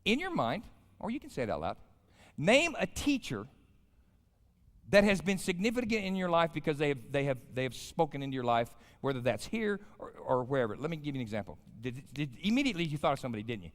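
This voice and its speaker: An American pastor in his fifties, a guest chapel speaker, preaches informally to an audience in a large indoor chapel. He's folksy and colloquial, telling stories and putting questions to listeners in a slightly high, very animated voice at a quick pace. The live hall has long reverb.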